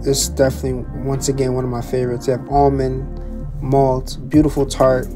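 A young man, a chef and vlogger, casually talking through a restaurant tasting menu with excited repetition and restarts. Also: medium pitch, a little fast, music in the background. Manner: enthusiastic, repeats words, restarts.

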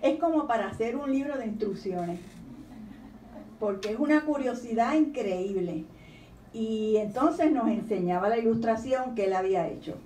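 A woman speaks on a panel and reads her poems aloud to an audience, with a fairly high voice and a lilting storytelling tone. She is recorded from across an echoey lecture room. Faint room ambience sits under the voice. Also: normal speed, mellow, far from the mic, a little hiss or hum. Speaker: children's author giving a talk. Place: university library lecture room.

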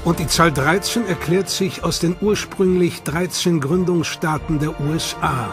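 The narration comes from a man with a relatively high voice for his gender, telling the documentary's story in a deliberate, dramatic fashion as he reads the script. Music can be heard distinctly underneath.

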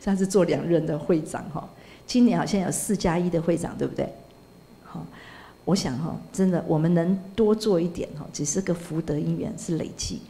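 Warm, low-voiced Buddhist nun preaching. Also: female voice, normal speed, gravelly, a little hiss or hum. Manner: storytelling, peppered with Hokkien words and tag particles. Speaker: Buddhist nun giving a dharma talk. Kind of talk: sermon.

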